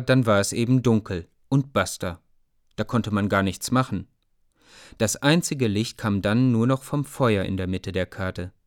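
A man's voice: lowish voice, dry recording, clean studio sound. A man narrating a children's storybook, talking directly to his listeners.

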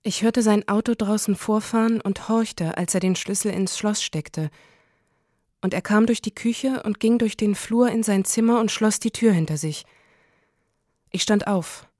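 Calm woman narrating a story, dry close sound. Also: mid-range voice, no echo. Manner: calm, measured reading. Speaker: audiobook narrator. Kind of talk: first-person literary narration.

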